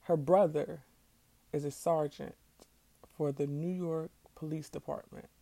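A woman's voice: sits low, steady tone, measured pace, mellow, no echo. A young woman hosting her own podcast in loose, casual chat, her voice still groggy from the morning. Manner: chatty, loose and conversational. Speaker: podcast host. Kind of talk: casual solo podcast talk.

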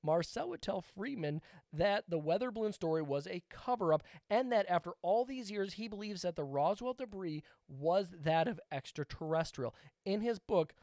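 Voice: mid-range voice, animated, normal speed, hardly any pauses, a little mellow, dry recording. Profane rambling podcast storyteller, dry sound. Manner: profane, rambling, laughing asides. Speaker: podcast co-host. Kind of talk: casual storytelling chat.

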